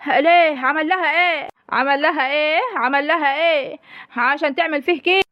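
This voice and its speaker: A woman playing a loud, melodramatic rural mother of the grooms in a comic village sketch, with a rural Egyptian accent, wailing and lamenting. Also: high voice, brisk, no room sound, dull audio, close to an everyday voice.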